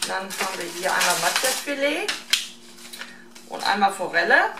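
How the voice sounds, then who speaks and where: A middle-aged woman casually talking through a shopping haul, listing items one by one in a halting, unscripted way. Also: medium pitch, sing-song. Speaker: vlogger showing a shopping haul. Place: home kitchen, indoors. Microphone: camera mic at a short distance. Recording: roomy, distant camera mic with clear noise.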